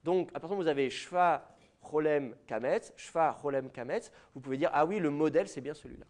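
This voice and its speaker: A man's voice: a little high, brisk, darkish tone. A man with a French accent giving a university lecture, explaining to students directly, with many fillers. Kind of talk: classroom lecture.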